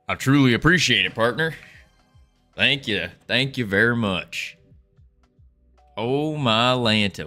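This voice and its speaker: A young man livestreams and chats casually with viewers, putting on an American Southern accent for playful, folksy cowboy talk. His voice is medium in pitch with a sharp tone.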